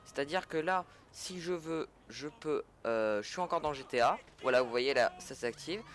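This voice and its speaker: Explaining gameplay in French, this tutorial maker has an animated, fairly high voice with a slightly bright tone at a moderate pace. There's a little hiss or hum on the recording, and his delivery is chatty, full of fillers and self-corrections.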